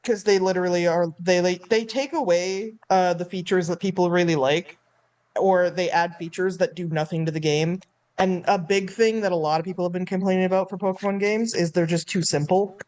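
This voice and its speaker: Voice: mid-range voice, fairly even intonation, brisk, a little mellow. A person chatting casually and eagerly on a stream about favorite games, rambling with lots of "like". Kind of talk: casual gaming chat.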